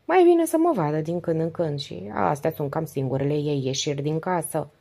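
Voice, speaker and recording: A woman's voice: low voice, expressive, gravelly, mellow, heavily acted. A woman reading the part of a devoted, weary wife in her late forties who confides in long, flowing speech. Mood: confiding. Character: 48-year-old wife, talkative, devoted, weary.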